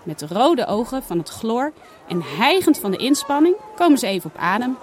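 Woman reading a kids story, bouncy up and down voice, bit high, faint outdoor sound behind. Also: normal speed, a little hiss or hum. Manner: lively voices for the children's dialogue. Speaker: storybook reader. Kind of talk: children's story read aloud.

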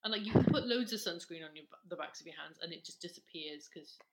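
A woman in her thirties with a low, gravelly voice chats as co-host. She talks in a relaxed way and often repeats words while she works out what to say. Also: quick pace, very noisy. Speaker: podcast co-host. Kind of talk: casual chat about skincare.

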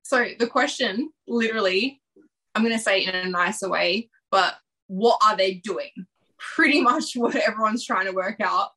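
A woman's voice: mid-range voice, moderate pace, pushed and bright, slightly rough, poor audio. A woman hosting a casual sports podcast, chatty and emotional, with lots of fillers. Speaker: podcast host.

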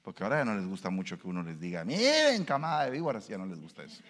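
A man's voice: rapid-fire, long reverb tail, a little hiss or hum. A male preacher, giving a sermon and asking his listeners questions. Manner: animated, shifts pitch and pace for emphasis, asks the audience questions.

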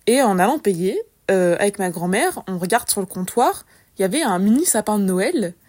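A young woman hosting a podcast, telling casual stories in a chatty, lively, slangy way with many fillers. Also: medium pitch, normal speed. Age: young adult. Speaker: podcast host. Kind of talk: casual solo storytelling.

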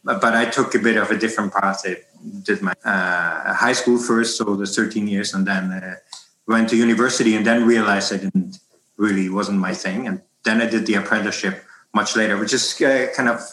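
This fortyish bread-baking teacher from Germany speaks with a German accent in a loose interview about his life, rambling with many restarts. He talks a little fast in a lowish, fairly even, slightly bright voice. The audio is rough, with an echoey room.

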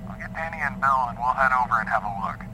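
A man's voice: medium pitch, lively intonation, fast, sharp tone, slight background noise, voice pushed up, low-quality recording. A man voicing a weary small-town sheriff talking on the phone in an audiobook story. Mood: weary, placating. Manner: weary, placating.

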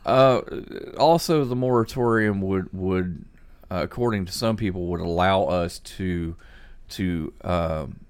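A man hosting a podcast, discussing news conversationally in a halting way, repeating words as he thinks aloud. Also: low-pitched, smooth. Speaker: podcast host.

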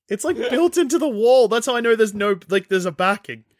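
A man's voice: extremely high pitch, lively intonation, normal speed. An Australian man co-hosting a comedy podcast, exasperatedly correcting the others on the facts. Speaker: podcast co-host. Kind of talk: comedic improvised chat.

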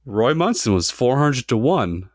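A man's voice: mid-range voice, very animated, unhurried, no echo. Man, podcast trivia host, casual, reads multiple-choice options, dry close sound. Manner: reads quiz questions and options, swears casually.

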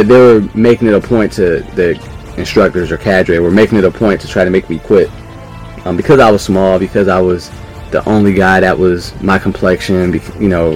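A man from New York with a very low voice tells a story on a podcast. He talks casually and animatedly, acting out what others said and laughing along the way. Soft music plays faintly underneath. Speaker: podcast guest.

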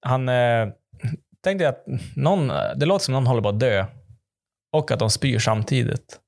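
A man's voice: mid-range voice, lively intonation. A man chatting casually in a podcast, laid-back and hesitant with many fillers. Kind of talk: casual chat.

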